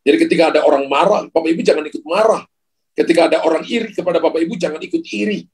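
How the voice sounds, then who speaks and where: A man's voice: a little high, racing, slightly rough, rough recording. A male pastor giving a conversational sermon, often addressing the congregation and adding "ya" as he goes. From Ambon, Indonesia. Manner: conversational preaching with frequent "ya" and direct address.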